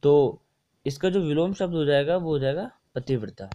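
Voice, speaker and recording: A man's voice: fairly high pitch, expressive, moderate pace, dark tone, lo-fi sound. A young man tutoring for a Hindi exam in a casual, repetitive way, often mixing English words into his explanations. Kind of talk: casual screen-share lesson explaining test answers.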